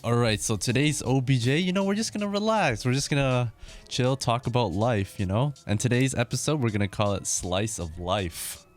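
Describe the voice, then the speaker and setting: A young man hosting a casual podcast, mellow and easygoing, with lots of "you know" fillers. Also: mid-range voice, animated, normal speed, soft background music. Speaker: podcast host. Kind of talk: casual chat.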